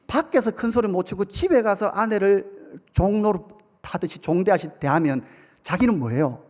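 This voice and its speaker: A male pastor preaches in a fairly high voice, drawing the congregation in with questions and humorous stories. His voice rings through a church sanctuary with a long reverb tail. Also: a little mellow. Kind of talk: sermon.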